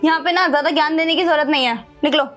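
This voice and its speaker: In a dramatic short film, a young actress plays Rubika, an unfaithful, selfish wife who left her husband, pleading with her boyfriend in a dismissive way and slipping in English phrases. Her voice sits high with fairly even intonation, delivered very fast and a bit bright, over soft background music.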